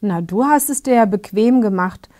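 A woman's voice: medium pitch, animated, normal speed, mellow, natural voice. A woman whispering the lines of a bossy male soldier in a fairy tale, in a whispered role-play. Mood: curious. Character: gruff angry male soldier leading a band.

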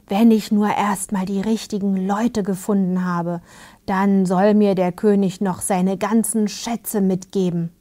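A woman's voice: medium pitch, fairly even intonation, a little slow, dark tone, lightly acted. A woman whispering as a bossy fairy-tale soldier. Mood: angry. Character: gruff angry male soldier leading a band.

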